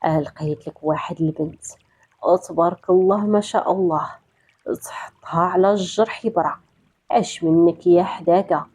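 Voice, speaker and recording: A woman storyteller acts out an excitable older Moroccan mother from a folk tale. She exclaims emotionally and repeats herself, in a mellow voice that often swoops upward. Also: fairly low pitch, slightly rough. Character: excitable older mother of the groom, Lalla Mimouna. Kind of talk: acted dialogue in a folk tale.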